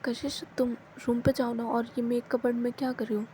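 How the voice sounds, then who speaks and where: A woman voicing a hurt young woman who quietly pushes her love away, speaking softly and subdued. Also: fairly high pitch, level tone, fairly quick, a little hiss or hum, close to an everyday voice, low-quality recording. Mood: weary.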